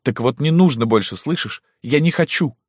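A man's voice: lowish voice, lively intonation, moderate pace, no room sound, clean studio sound, voice pushed up. A man voicing a tearful young girl who pleads dramatically with her mother, in an audiobook. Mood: defiant.

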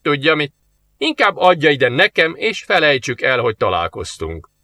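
A man reading aloud, voicing a suave, mocking male demon who talks slowly and teasingly. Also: on the high side, wildly swooping pitch, bright, forceful tone, dry recording, clean studio sound, heavily acted. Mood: smug. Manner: smug, slow and teasing.

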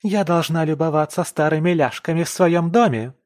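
A man playing a shrill furious young woman. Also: very slow, sharp tone, no room sound, clean studio sound, full character voice. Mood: furious shouting. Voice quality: shrill, screaming.

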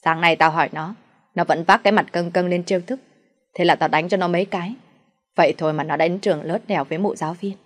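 A woman's voice: on the low side, steady tone, quick pace, lightly acted. Woman voicing a spiteful cursing stepmother. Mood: taunting. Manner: scolding, cursing, wailing to the village. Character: shrewish middle-aged stepmother, loud and spiteful.

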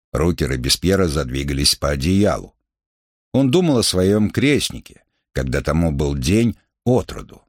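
A man narrating a historical novel as an audiobook, in a measured literary reading. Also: a bass voice, no room sound, studio quality. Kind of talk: scripted narration.

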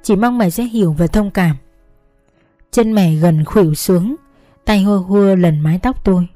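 A woman narrating an emotional first-person story in a slow, gentle, measured reading. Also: mid-range voice, no room sound. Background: faint background music.

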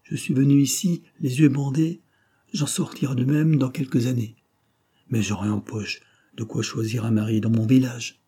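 A man's voice: medium pitch, steady tone, normal speed, mellow, husky, close to an everyday voice. A man reading a teasing young brigand's daughter. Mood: frank.

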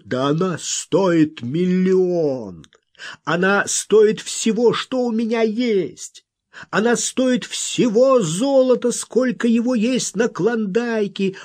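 A man's voice: a little high, sing-song, slow, a little mellow, husky, voice pushed up, heavily acted. Man doing a blustering, hot-headed gold miner. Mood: heated. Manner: explosive, pleading, blustering.

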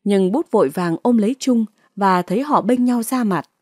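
A woman audiobook narrator reading a novel in a dramatic, clear storytelling manner. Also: mid-range voice, normal speed, a little mellow, no room sound, clean studio sound.

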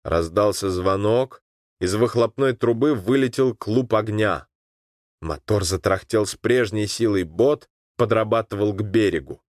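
A man narrating a literary story in an expressive audiobook reading. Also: fairly low pitch, dry recording, studio quality.

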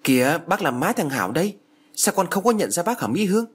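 A man voicing a frightened elderly mother, talking in a shrill, quavering, exclaiming way. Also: big pitch swings, quick pace, breathy edge, heavily acted. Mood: bewildered.

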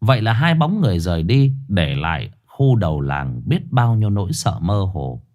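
A man tells a ghost story in a low voice, his pitch rising and falling with lots of life. His delivery is colloquial and vivid, the way a storyteller spins a yarn. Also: very animated, moderate pace, darkish tone.

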